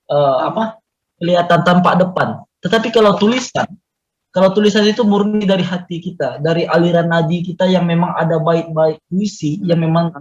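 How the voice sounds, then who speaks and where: A man's voice: a little high, brisk. A man speaking earnestly and reflectively as a guest in an online community meeting, with frequent fillers, heard over a video call. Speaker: guest poet and mountain climber. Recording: muffled online call audio.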